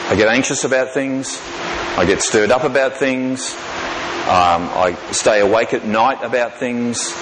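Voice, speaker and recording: A man, preaching a sermon in a folksy, self-deprecating way, slowing down to repeat key lines for emphasis. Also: mid-range voice. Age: 50s. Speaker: pastor. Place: large church hall. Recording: reverberant hall with background noise.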